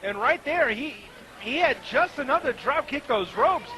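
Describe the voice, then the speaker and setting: High-voiced male wrestling color commentator. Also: animated, normal speed, pushed and bright. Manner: explanatory, conversational. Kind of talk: live analytical wrestling commentary. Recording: noisy live event recording.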